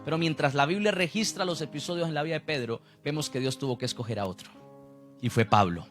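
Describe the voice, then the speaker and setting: A man's voice: fairly high pitch, fast talker, a bit bright, faint music behind. A man, preaching a sermon as a pastor, who acts out the people he quotes.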